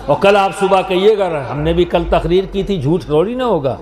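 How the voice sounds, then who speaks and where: A man preaching a sermon to a large gathering, asking questions and pushing the audience to answer aloud. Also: high-pitched. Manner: rhetorical, coaxes the crowd to answer aloud. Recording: echoey venue with loud crowd.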